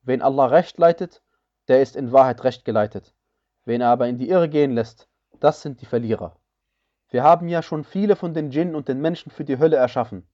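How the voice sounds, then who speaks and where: A man reading a scripture translation aloud in a measured, solemn way, each phrase evenly paced. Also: medium pitch, dark tone, highs cut off.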